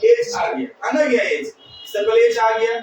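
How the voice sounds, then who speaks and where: A man's voice: very high-pitched, sing-song, normal speed, slight background noise. A male teacher giving a classroom lesson, drilling students with repeated questions and call-and-response. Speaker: English teacher. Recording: echoey room, mic far off.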